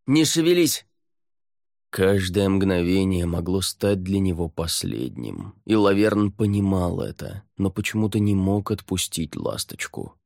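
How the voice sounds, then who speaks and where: A man reads audiobook narration in a very low, steady, measured voice. The sound is close and dry, with no room around it. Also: gravelly, no room sound. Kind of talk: scripted narration.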